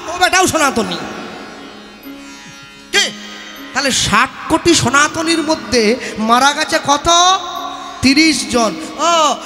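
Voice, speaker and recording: A man preaching a devotional sermon, asking rhetorical questions and bursting into shouts. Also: very high-pitched. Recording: long hall reverb with sitar music.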